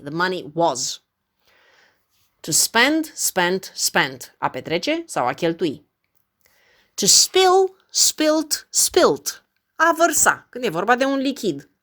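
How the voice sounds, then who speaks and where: A woman teaching English verbs in an online lesson. She slows down and speaks each English example very clearly, then explains it. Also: on the low side, fairly bright tone.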